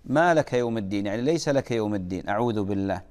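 A man's voice: on the low side, expressive, very fast, darkish tone. A man giving a religious lesson as a preacher, emphatic and drilling correct pronunciation. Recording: long reverb of a large hall.

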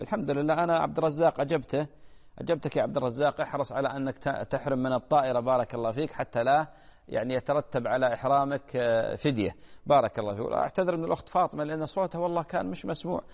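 A man hosts a religious call-in program, answering listeners' questions. He talks quickly in a slightly high voice, patiently repeating key points. A long reverb trails his voice. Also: vocal fry. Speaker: religious call-in show host.

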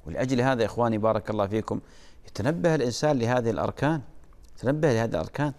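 A man's voice: mid-range voice, lively intonation, rapid-fire, a little mellow. Guy preaching, emphatic, drills how to say things right, lots of hall reverb. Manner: emphatic, correcting and drilling pronunciation. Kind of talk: religious lesson. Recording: long reverb of a large hall.

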